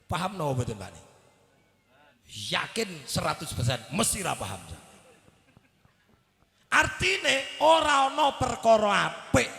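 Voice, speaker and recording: A middle-aged man with a Javanese accent preaching a village sermon, animated and joking, bursting into shouts. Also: high-pitched, takes it slowly, creaky, long pauses, reverberant, in a large hall. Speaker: Islamic preacher. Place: outdoor village gathering.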